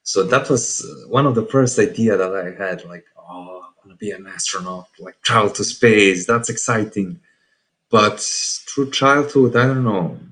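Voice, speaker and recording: A man of twenty-nine with a Serbian accent, talking reflectively as an interview guest, often halting and rephrasing his words. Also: fairly low pitch, a bit bright, poor audio. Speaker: podcast guest.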